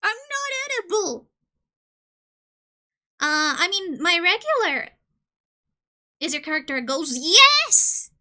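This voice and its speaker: A woman from Colombia streaming casually, joking and reading game questions aloud, with sudden loud squeals. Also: very high voice, sing-song, takes it slowly, long pauses.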